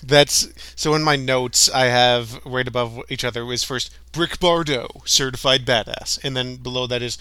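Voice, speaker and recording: Guy cohost joking about a movie, bright edgy voice, super dry close mic. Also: mid-range voice, normal speed, few pauses, clear, resonant tone, no room sound. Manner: animated, jokey, riffs and laughs along. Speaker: podcast co-host. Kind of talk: casual movie review chat.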